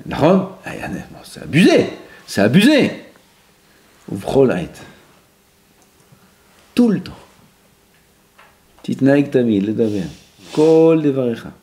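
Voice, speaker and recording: Animated man giving a Torah class. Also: medium pitch. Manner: animated, mixes Hebrew terms, acts out quoted voices. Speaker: rabbi teaching a class. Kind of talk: lively Torah lesson.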